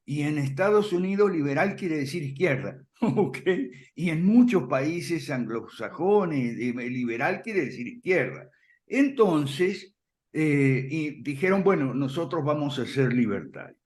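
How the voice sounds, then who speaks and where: A man explaining ideas in conversation, firm and emphatic, often checking in with a quick "ok?" and soft chuckles. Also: on the high side, expressive. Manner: emphatic, repeats points firmly. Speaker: guest speaker on classical liberalism.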